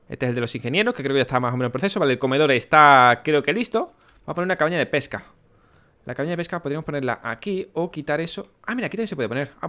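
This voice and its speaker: A man's voice: on the high side, bright, forceful tone. Chatty Spanish man narrating a game. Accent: Spain. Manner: chatty, muttering to himself and to game characters. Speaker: let's play host. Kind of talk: casual gameplay commentary.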